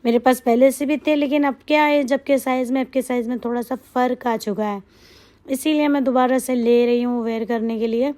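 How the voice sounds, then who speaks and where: A high, mellow-toned woman talks through a casual vlog voice-over. Her throat is hoarse from a cold, and she rambles chattily, circling back to the same points again and again. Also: fairly even intonation, fairly quick. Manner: chatty, rambling, repeats herself. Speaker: shopping vlogger.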